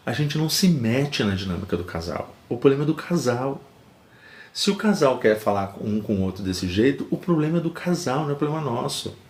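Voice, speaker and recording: A man hosting a live stream, explaining ideas calmly with everyday examples and repeating key points. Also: medium pitch. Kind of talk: teaching talk to a live audience. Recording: roomy echo.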